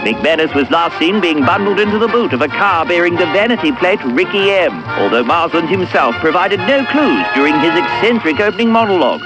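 A man voicing a brisk old-time male newsreel announcer, with booming, punchy delivery in a mock old newsreel style, over music. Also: big pitch swings, poor audio. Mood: grandly upbeat. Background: music bed.

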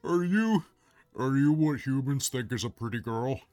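A man's voice: medium pitch, animated, normal speed, darkish tone, soft background music, lightly acted. A man voicing a sensitive male bugbear who hides behind insults, talking in a sheepish, self-conscious way.

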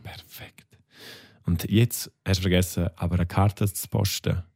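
A man's voice: low-pitched, fairly even intonation, normal speed, gravelly, a little mellow, husky, no echo, studio quality. A man, teaching on a podcast, encouraging and patient, praising answers in casual chat. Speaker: language teacher, podcast co-host. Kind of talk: casual language lesson chat.

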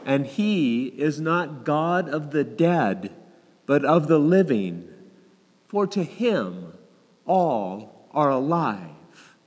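A man reads scripture solemnly, as clergy do in a liturgy. His delivery is slow and deliberate, with a slightly high, very melodic pitch. The sound rings in a large reverberant hall. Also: big pitch swings, darkish tone, slightly rough. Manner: measured, deliberate phrasing. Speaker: clergyman reading the Gospel.

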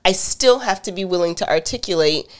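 A woman's voice: fairly low pitch, a little fast. A middle-aged woman co-hosting a relationship talk show, speaking directly and telling stories with laughter. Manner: direct, animated storytelling with laughs. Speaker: podcast co-host. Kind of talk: casual couple conversation.

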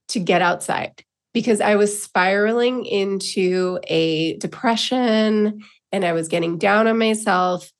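A woman giving a reflective personal monologue as a self-help host, speaking informally and encouragingly to her listeners. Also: mid-range voice.

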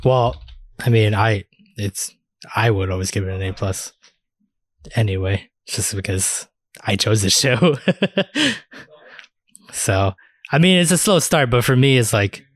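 A man with a lowish voice hosts a laid-back anime podcast, speaking slowly with frequent pauses on a dry recording. His chat is informal and loose, packed with filler words and swearing.

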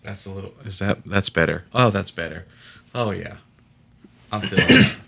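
A man's voice: sits low, moderate pace, vocal fry, fairly bright tone, husky. A man co-hosting a casual podcast, chatting and teasing his guests. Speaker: podcast co-host. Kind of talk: casual chat. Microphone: podcast microphone.

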